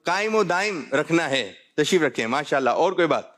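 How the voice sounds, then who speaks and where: A man's voice: fairly high pitch, animated, a bit bright. A man hosting a religious talk show, jovial, often repeating his key phrases. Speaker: host.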